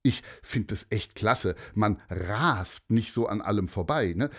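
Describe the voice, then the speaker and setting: An easygoing storybook dad who talks to his kids in a relaxed, encouraging tone, as the narrator puts him on. His speech is slow and a little husky, with lively pitch. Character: cheerful father who enjoys hiking. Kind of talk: storybook character voice.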